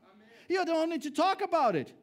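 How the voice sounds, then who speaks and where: Brief: male pastor, sermon to a congregation, very high voice, emphatic then hushed. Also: sing-song, very fast. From Brazil. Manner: preaching with swings between raised emphatic lines and low hushed ones. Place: church hall before a congregation.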